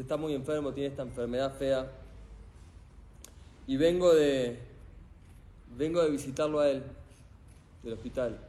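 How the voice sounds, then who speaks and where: A middle-aged man with an Argentine accent gives a live motivational talk in a hall without a microphone. He tells stories with energy and keeps asking the audience questions. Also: medium pitch. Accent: Argentine Spanish. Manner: animated storyteller who quizzes the audience. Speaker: motivational speaker. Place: event hall full of people. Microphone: speaking without a microphone.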